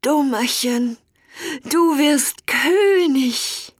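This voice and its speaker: A woman's voice: no echo, clean studio sound. A woman voicing an old, weak and kindly king and father from a fairy tale, drawing out his words in a raised voice. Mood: joyful. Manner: slow, drawn-out, raised pitch.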